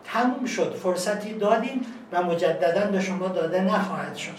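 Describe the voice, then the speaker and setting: A man giving a lecture as a guest teacher, telling a story in an animated storyteller's manner. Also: high voice, slight background noise. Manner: animated storyteller, acts out voices. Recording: echoey room, distant mic, faint ambience.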